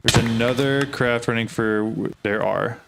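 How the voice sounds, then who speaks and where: A man's voice: medium pitch, fairly even intonation, unhurried, gravelly, over loud music. A man streaming a game, thinking aloud in casual talk and often asking puzzled questions. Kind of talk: casual live gameplay talk.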